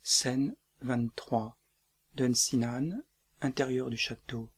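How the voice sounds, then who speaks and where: A man reading the stage directions of a play, low and subdued. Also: takes it slowly, slightly rough.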